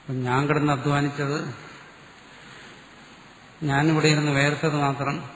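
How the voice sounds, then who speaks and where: A man's voice: on the high side, level tone, a little slow, fairly bright tone, slight background noise. A man giving a spiritual discourse to a class as a swami, wry and teasing, repeating key words for emphasis. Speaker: swami teaching scripture. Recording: roomy hall echo with faint ambience.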